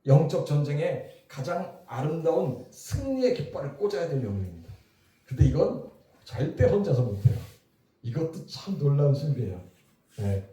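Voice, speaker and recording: A middle-aged man preaching a revival sermon, his mellow voice swinging up and down as he questions the congregation. The sound is very echoey, picked up from some way off the mic. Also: on the high side, moderate pace, far from the mic. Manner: lively, talks to the crowd with questions. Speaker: pastor. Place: church hall.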